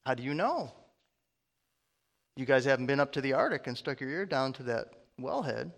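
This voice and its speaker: A man's voice: mid-range voice, big pitch swings, moderate pace, creaky, big-room sound. A man preaching a conversational sermon, often asking his congregation questions.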